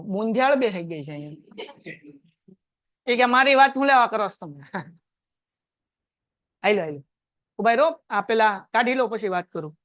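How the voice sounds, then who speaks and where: A man's voice: high-pitched, fairly bright tone, dry recording, clean studio sound. A male math teacher, giving a chatty classroom lecture, quizzing his students and telling anecdotes.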